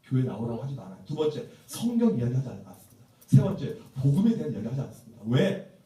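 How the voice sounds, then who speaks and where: A pastor with a medium-pitched, dark, sing-song voice speaks quickly as he gives a humorous seminar to church teachers, playfully telling stories and acting out quotes. He's in a church sanctuary, captured from a distance in an echoey hall.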